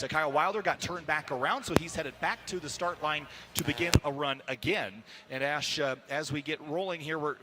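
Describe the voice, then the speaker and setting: A man's voice: fairly high pitch, bright, forceful tone. A man hosting a live race broadcast outdoors, chatty and upbeat as he interviews guests. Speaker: host.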